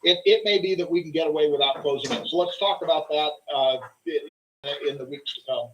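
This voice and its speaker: Man, higher register, hesitant explainer in an informal meeting; muffled recording. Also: a little fast, background noise. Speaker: fair board meeting participant, organizer. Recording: muffled, low-fidelity meeting audio.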